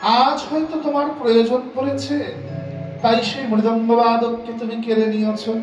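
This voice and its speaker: A male preacher voicing a grieving yet serene devout father in a calm, resigned manner, in a sermon. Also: very high-pitched, moderate pace. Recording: roomy, distant, dull with music.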